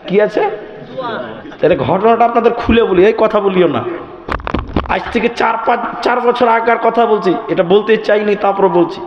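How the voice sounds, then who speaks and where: High-voiced preacher from Assam, echoey. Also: male voice, moderate pace. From Assam, India. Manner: lively storytelling, acting out dialogue, chuckling asides. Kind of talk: Islamic sermon with comic storytelling. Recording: echoey dull PA sound.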